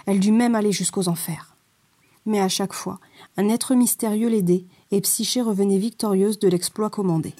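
Mellow, husky woman reading a myth. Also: mid-range voice. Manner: measured, expressive reading. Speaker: storyteller. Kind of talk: storybook narration.

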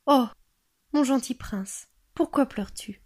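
Storybook frog princess: small, gentle, soft-spoken, read by a woman. Slightly raised pitch. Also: unhurried, breathy edge. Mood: tender. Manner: soft and tender.

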